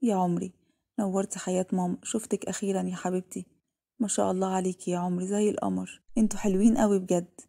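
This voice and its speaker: A woman's voice: mid-range voice, little pitch movement, fast, gravelly, dark tone. A woman with an Egyptian Arabic accent voicing a young mother in a told story, emotional and reproachful. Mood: loving.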